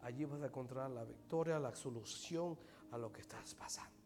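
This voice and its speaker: A man preaching a sermon, swinging from loud, fast preaching to hushed whispers. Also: medium pitch. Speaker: pastor. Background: music playing.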